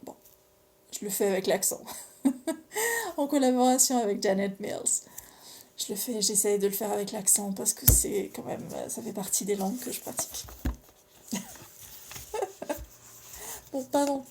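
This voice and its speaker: A woman reading oracle cards in a casual, gentle way. She draws her phrases out with pauses and sometimes drops into soft, near-whispered asides. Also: medium pitch, gravelly. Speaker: oracle card reader.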